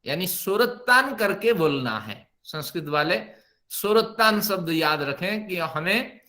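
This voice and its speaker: In this spoken lesson, a middle-aged man explains Sanskrit pronunciation for Vedic chanting step by step, modeling the long vowels as he goes. He speaks a little slowly in a high, animated voice with a bright, forceful tone.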